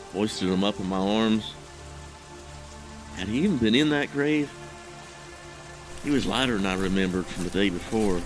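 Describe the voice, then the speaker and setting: A male actor with a fairly low voice plays a troubled, guilt-ridden husband in an audio drama. He recounts a memory in a halting, hesitant, brooding monologue, lightly acted, and the audio quality is poor.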